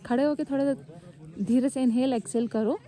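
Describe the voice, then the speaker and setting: A chatty young woman with a fairly high voice, filming herself on a windy mountain top with her phone. She talks in a quick, upbeat way and jokes with her trekking friends. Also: fairly even intonation, warm tone. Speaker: travel vlogger. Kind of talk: casual vlog narration outdoors. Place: windy mountain summit outdoors. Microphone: handheld phone camera.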